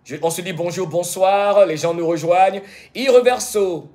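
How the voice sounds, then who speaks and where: A man hosting a live stream who chats casually with viewers, greets them by name, and teases them with bursts of excitement. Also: high voice, moderate pace. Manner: exuberant, teasing, greets chat by name. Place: home in the United States.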